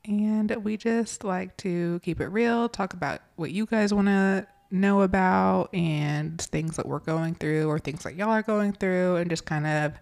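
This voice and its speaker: A woman's voice: on the low side, measured pace, creaky, few pauses, darkish tone. An American woman hosting a casual chat, with slightly whistling s sounds. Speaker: podcast host, pediatric nurse practitioner.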